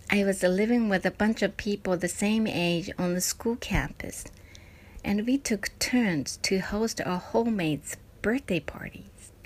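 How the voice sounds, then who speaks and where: A Japanese woman in her 40s presents a personal parenting essay as scripted narration. Her voice sits in the mid range.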